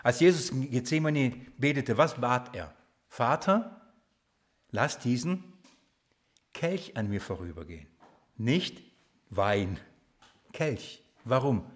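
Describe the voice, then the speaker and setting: Ein Mann, der vor einer Gemeinde predigt, lebhaft und mit Fragen an die Zuhörer, wird für Betonungen oft leise. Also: male voice, medium pitch, slow, long pauses. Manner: lively preaching, drops to quiet emphatic lines, asks the congregation questions. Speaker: preacher. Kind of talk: sermon.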